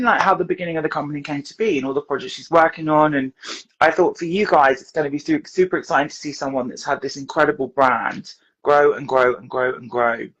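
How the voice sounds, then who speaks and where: A woman from the UK hosting a casual live stream from her dressing room, chatty and laughing while sorting out tech, with a hoarse voice. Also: low voice, rough recording. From United Kingdom. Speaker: podcast host.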